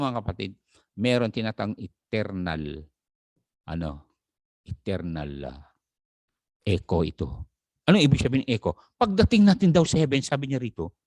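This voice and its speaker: A man's voice: on the low side, dry recording, studio quality. A male pastor with a Filipino accent preaching a sermon, reading scripture in English and explaining it in Tagalog, greeting viewers by name.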